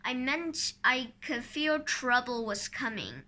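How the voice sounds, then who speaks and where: Storybook sheriff, a bossy lawman who patiently sets his deputy straight, read by a woman, slow and bright. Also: sits high, expressive, full character voice. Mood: correcting. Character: bossy small-town male sheriff.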